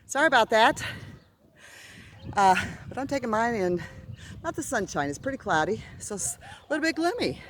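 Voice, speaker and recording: A middle-aged woman from Arizona vlogs on a neighborhood walk outdoors, filming on a handheld phone camera. Her voice is fairly high with big pitch swings, and she's out of breath, chatty and self-encouraging, with breathy pauses between phrases. There's a little hiss or hum.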